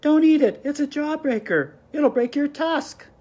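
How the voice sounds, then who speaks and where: A man voicing a tiny, loyal male mouse with a squeaky voice in a storybook reading. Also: unhurried, darkish tone. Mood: alarmed.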